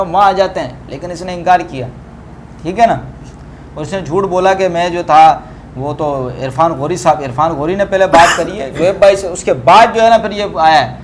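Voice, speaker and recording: Polemical male commentator, pitched high, argumentative, faint noise underneath. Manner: combative, repetitive fillers. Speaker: religious debater. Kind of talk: polemical commentary over scanned texts.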